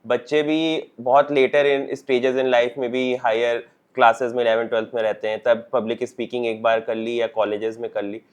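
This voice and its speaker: A man's voice: medium pitch, little pitch movement, moderate pace, few pauses, smooth. A man hosting a podcast, asking long questions in mixed Hindi and English. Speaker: podcast host. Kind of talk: podcast interview. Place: studio podcast set, indoors.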